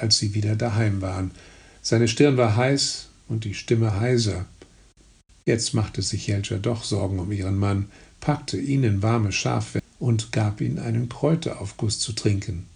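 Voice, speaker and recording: A man with a raspy, gravelly voice reading a historical novel aloud in slow, even narration. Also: on the low side. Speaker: audiobook narrator. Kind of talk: scripted narration.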